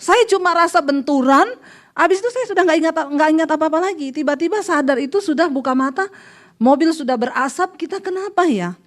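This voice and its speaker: A middle-aged woman pastor preaching a sermon, telling stories and acting out dialogue with lively emphasis. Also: sits high, fairly quick.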